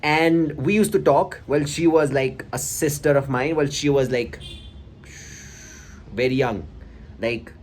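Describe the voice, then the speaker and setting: A young man with an Indian accent talks casually and haltingly, reflective and a little self-conscious as he shares his old diary. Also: medium pitch. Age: young adult. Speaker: vlogger. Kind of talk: casual personal storytelling, reading from an old diary. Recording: clearly audible background noise.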